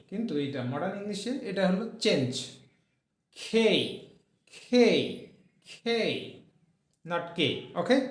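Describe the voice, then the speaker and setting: A man's voice: high-pitched, roomy sound. A man teaching letter sounds in a spoken lesson, repeating each sound several times for learners to copy. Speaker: English pronunciation teacher.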